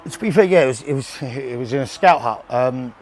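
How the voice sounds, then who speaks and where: A man in his forties from west London and Surrey, a bare-knuckle boxer being interviewed indoors at a gym, speaks in a London accent with a medium-pitched, animated, brisk, slightly mellow voice. His casual, blunt talk is full of repeated words and restarts, with a little hiss or hum in the recording.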